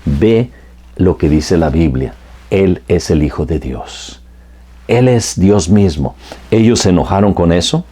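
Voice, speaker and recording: A man's voice: low voice, lively intonation, unhurried, mellow, husky. A male pastor preaching a sermon, earnest and direct, speaking to the listener as a friend with repeated phrases. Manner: repetitive preaching cadence.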